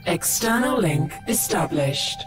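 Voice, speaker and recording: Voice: mid-range voice, lively intonation, takes it slowly, recorded from a distance, over music, rough recording. A performer voicing a terse, impersonal computer system in a video game, with formal, clipped robotic announcements. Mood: impersonal, procedural.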